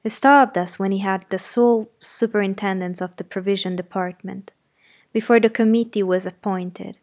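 A woman giving composed first-person narration of a classic novel, measured and plain-spoken. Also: medium pitch, steady tone, a little mellow. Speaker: audiobook narrator.

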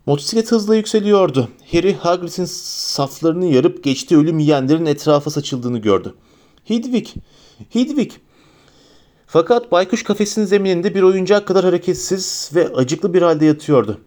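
A man reading a fantasy audiobook aloud with expressive storytelling. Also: on the high side. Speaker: narrator.

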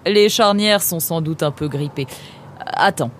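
Un renard mâle de livre audio, grande gueule et autoritaire, joué par une femme. Il lance ses répliques fort, avec une moquerie constante et une voix grave. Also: female voice, sits low, unhurried, slight background noise. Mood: bossy. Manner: loud, blunt, mocking. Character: male fox, brash, tactless, bossy.

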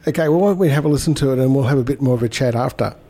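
A man hosting a casual radio interview, with hesitant, halting phrasing. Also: medium pitch, mellow. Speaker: radio host.

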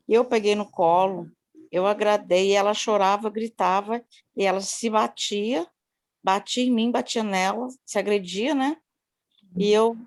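A woman's voice: mid-range voice, a little mellow. A woman who works at a daycare tells a long personal story. She rambles and repeats herself, speaking into her phone on a video call. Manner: rambling and repetitive, many "né?" tags. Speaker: daycare worker sharing an experience.

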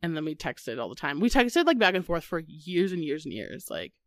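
Young Midwestern woman podcast co-host, slightly low, rambling and giggly, dry close sound. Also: big pitch swings, a little fast, no room sound. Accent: Midwestern American. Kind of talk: casual chat.

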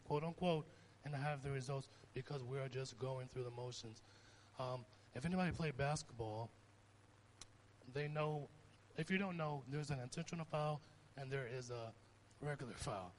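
A young man preaching in a relaxed, conversational way, with a voice of ordinary pitch. He tells personal stories and pushes his voice up for emphasis. Faint hiss sits behind him. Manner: conversational, animated storytelling with rising emphasis. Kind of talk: informal sermon.

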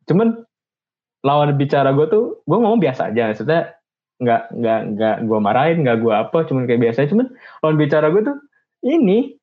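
A young man talks in casual slang, and his voice leaps higher as he tells a story. The recording sounds dull and muffled, like a low-quality mic. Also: brisk. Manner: slangy, animated when telling stories, pitch jumps up. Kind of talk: casual chat.

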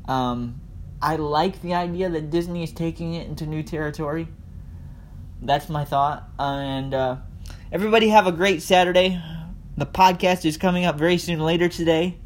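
A man hosts a laid-back solo podcast, talking conversationally and speaking straight to his audience. A low rumble runs underneath, leaving the recording noisy.

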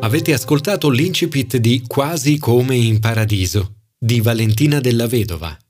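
A man reading an audiobook aloud in an expressive storytelling manner. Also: medium pitch, moderate pace, faint music behind. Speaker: audiobook narrator. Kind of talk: scripted narration.

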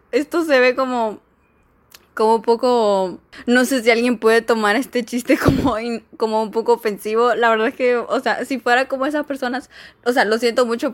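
A young woman, chatting casually as she reads jokes aloud, giggly and full of fillers. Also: on the high side. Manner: giggly, chatty, filler-heavy, mock-exasperated. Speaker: vlogger reading jokes.

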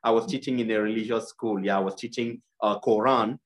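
A man's voice: fairly low pitch, fairly even intonation, brisk. Earnest young man from Cameroon. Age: young adult. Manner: earnest, many fillers and restarts. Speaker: guest. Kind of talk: interview over video call. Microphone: video call.

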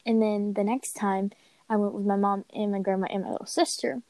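A teenage girl co-hosts a casual podcast, telling a story that keeps breaking off and restarting. Her voice is mellow and mid-pitched, with a dry sound and no room around it. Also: steady tone, no echo. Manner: halting, self-interrupting storytelling. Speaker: podcast co-host. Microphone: home mic, recorded remotely.

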